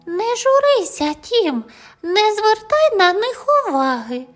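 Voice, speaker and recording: A woman's voice: very high voice, sing-song, slow pace, faint music behind, pitched above the performer's own voice, full character voice. A woman voicing the kindest little girl in a kindergarten group, sweet and soothing, in an audio fairy tale.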